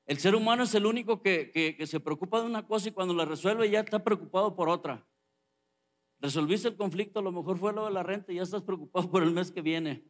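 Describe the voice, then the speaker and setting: A man's voice: high-pitched, fast talker. A middle-aged man preaching a sermon as pastor, conversational and joking with the congregation.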